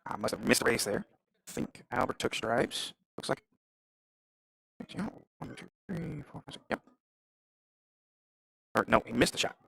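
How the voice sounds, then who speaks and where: A man's voice: medium pitch, lively intonation, a little slow, gravelly, long pauses, a bit bright, breathy edge, dry recording, rough recording. A man giving casual live play-by-play of a pool match, thinking aloud about shot choices. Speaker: pool commentator.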